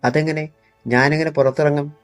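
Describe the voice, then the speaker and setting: A man voicing a frightened young woman trapped in a house, speaking in a hushed, urgent way. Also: on the high side, fairly even intonation, moderate pace, no echo, faint music behind, natural voice.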